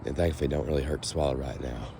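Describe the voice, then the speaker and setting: A hoarse young male vlogger with a raspy, gravelly voice at the very bottom of his range, extremely low, talks rapid-fire into a handheld phone while walking on a foggy street. He rambles and muses to camera in a casual walking vlog, with passing traffic and outdoor noise clearly audible behind him.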